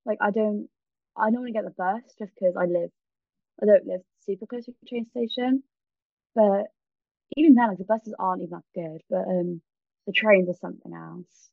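A woman's voice: mid-range voice, moderate pace, gravelly, dry recording, narrow, tinny audio. A woman with a Welsh accent in a casual chat, talking in a hesitant, giggly, conversational way.

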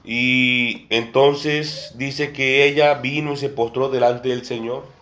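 A man's voice: mid-range voice, steady tone, takes it slowly, a bit bright. Echoey preacher man, repeating himself. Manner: repeats phrases and keeps addressing listeners as brother and sister. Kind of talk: sermon. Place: church room with a table and a small congregation. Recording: echoey room.

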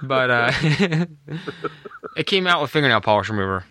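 A man's voice: medium pitch, sing-song, normal speed, pushed and bright, no echo. A man co-hosting a casual family podcast with his father, rambling and correcting himself as he tells a story. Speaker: podcast co-host.

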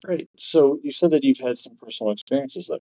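Guy interviewing someone on a podcast, casual, normal pitch, slightly muffled sound. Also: fairly quick.

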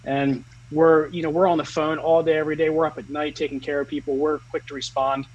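A man speaking as the founder of a company in a casual interview, earnest, slowing down on key words. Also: a little high, flat delivery, highs cut off.

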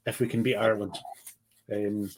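A man's voice: fairly low pitch, flat delivery, normal speed, a little mellow, low-quality recording. A Scottish man co-hosting a casual chat, speaking bluntly and repeating words for emphasis. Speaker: podcast co-host.

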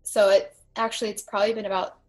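A woman of thirty-one in a casual interview, explaining things step by step in a measured way, with some fillers. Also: medium pitch, little pitch movement, a little mellow. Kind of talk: casual conversation.

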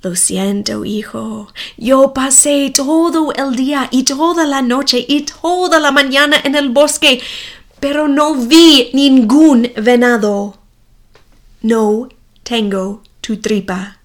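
A woman voicing a tired, fearful father who speaks softly and apologizes to his son. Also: sits high, slow pace, pitched above the performer's own voice. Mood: meek.

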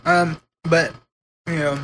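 A man's voice: a little high, little pitch movement, slow, bright, forceful tone. Easygoing male podcast co-host. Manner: easygoing, laughs often, rambling wrap-up. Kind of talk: casual podcast chat.

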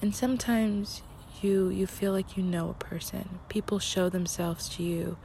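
A young woman talking openly and earnestly, her voice often dipping into a gravelly fry. She muses aloud with plenty of "like"s, sometimes softening almost to a whisper, while a faint vehicle rumble hums underneath. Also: flat delivery, unhurried. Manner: earnest, reflective, with frequent "like" fillers and soft, near-whispered passages. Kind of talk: candid personal monologue.

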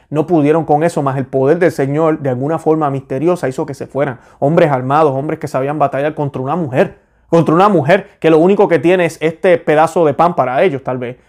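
A man's voice: on the high side, darkish tone. A man giving an informal sermon, fervent, repeating key phrases and restarting sentences as he goes. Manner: hesitant restarts mid-sentence. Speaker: preacher.

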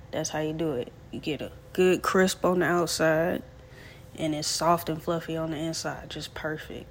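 A woman's voice: low voice, slight background noise. A young woman chatting casually in a home kitchen, laid-back and slangy, rambling as she cooks. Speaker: vlogger. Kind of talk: casual chat while cooking.

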